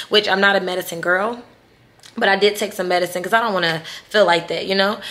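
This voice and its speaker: A woman in her thirties with a Southern US accent vlogs casually from a resort room, holding her phone or camera toward herself. Her mid-range, slightly bright voice carries an emotional, rambling delivery.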